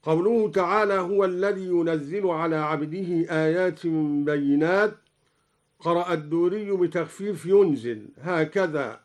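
A man who is a Quran recitation scholar, explaining the differences between readings and chanting each verse as an example in a measured, melodic way. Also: on the high side.

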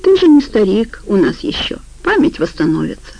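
A woman reading the part of a soft-spoken, persuasive and quietly menacing middle-aged man in an audiobook. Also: medium pitch, sing-song, moderate pace, vocal fry, no echo, low-quality recording. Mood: coaxing. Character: sly, coaxing middle-aged man boss.

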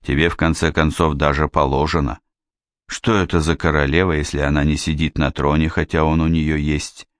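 A man voicing a confident male king who speaks softly and teases gently, in an audiobook reading. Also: very deep voice, flat delivery, moderate pace, dry recording. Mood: gentle. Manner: soft, gently teasing. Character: calm wry male king, confident ruler.

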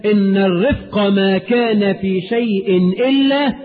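A man with an Egyptian Arabic accent delivering a sermon, animated, acting out everyday scenes in dialogue. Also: high voice, measured pace, faint music behind. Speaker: preacher. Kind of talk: recorded sermon. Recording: phone-like, echoey hall recording.

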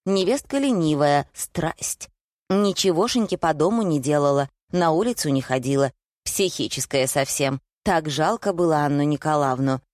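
A woman reading aloud and voicing a gossipy, timid middle-aged wife who chatters fast and whimpers. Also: low-pitched, lively intonation, a little mellow, dry recording, studio quality. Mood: chattering.

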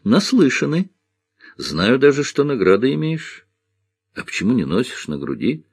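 A playful young village woman who mocks and teases, lively and quick to laugh, as a man reading the book takes her part. The voice is husky but raised above the reader's low register and swings widely. The recording is close and dry. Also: no echo. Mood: teasing. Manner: mocking, playful. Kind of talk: audiobook character voice.

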